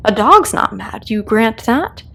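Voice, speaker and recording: A sly storybook cat, as a woman reader puts it on, cheerfully mad and perfectly unbothered. It riddles in a teasing, matter-of-fact way, with very lively pitch and some gravel in the tone. A faint noise sits behind the voice. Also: measured pace, exaggerated voice. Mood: smug, teasing.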